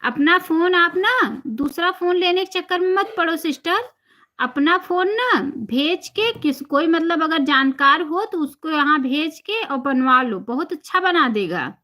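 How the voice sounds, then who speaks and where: A woman from Uttar Pradesh with an Awadhi-flavored Hindi accent, hosting a live stream and chatting casually with viewers, greeting them by name and softly repeating blessings. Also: very high-pitched, animated, measured pace. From Uttar Pradesh, India. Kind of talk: casual live-stream chat reading comments.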